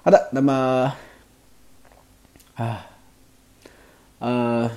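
A man recording an audio language lesson as the teacher. He speaks patiently, repeats example sentences slowly, and ends his phrases with soft, drawn-out particles. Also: mid-range voice, little pitch movement.

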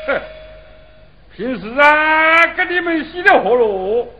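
A performer playing a stern older village elder in Chu opera, with a Hubei accent and slow, dryly teasing scolding. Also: sits high, big pitch swings, bright, forceful tone, exaggerated voice, rough recording. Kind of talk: Chu opera stage acting.

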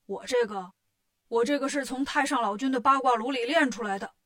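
A woman's voice: a little high, fairly quick, sharp tone. Woman playing a sly demon king, blustering, scheming, storybook voice. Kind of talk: storybook character voice.

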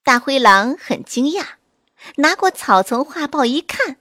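A woman storyteller reading a children's story aloud with clear, expressive delivery. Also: high-pitched, measured pace, no room sound, clean studio sound.

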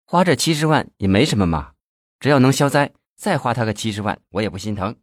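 A calm, superstitious aunt, read by a male storyteller. She speaks evenly and shrugs off losses, in a low, dry, close storybook voice. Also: moderate pace, no room sound. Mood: calm, shrugging.

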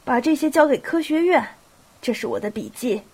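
A woman's voice: sits high, lively intonation, normal speed. A woman with a cold voicing a stern, abrupt elderly prince who gives clipped orders. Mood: solemn. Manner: curt, clipped commands, bursts into shouting. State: has a cold.

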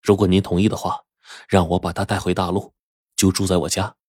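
A man voicing an earnest, devoted young man in a spoken story, talking in a sincere, steady way. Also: low voice, fairly quick, breathy edge, no room sound, studio quality.

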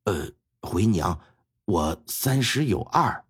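A male storyteller voicing a dutiful young official who answers his mother humbly, in a low, slightly husky voice. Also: expressive, slow pace, heavily acted. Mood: humble. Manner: deferential, low and earnest.

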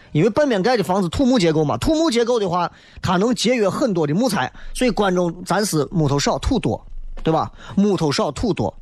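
High-voiced man with a Shaanxi accent. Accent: Shaanxi Guanzhong. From Shaanxi, China. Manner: animated, colloquial, rhetorical questions. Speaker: show host. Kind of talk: humorous ranting monologue.

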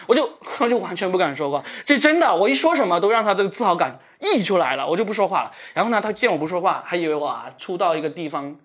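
A man from Shenzhen with a Cantonese accent, doing live stand-up comedy with self-mocking, animated storytelling. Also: high voice, fast talker, few pauses. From Shenzhen, Guangdong.

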